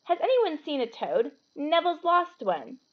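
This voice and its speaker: Storybook role: eager, bossy girl know-it-all played by a woman, high voice, emphatic and brisk, slightly muffled recording. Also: very animated. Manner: fast, self-assured, emphatic talking.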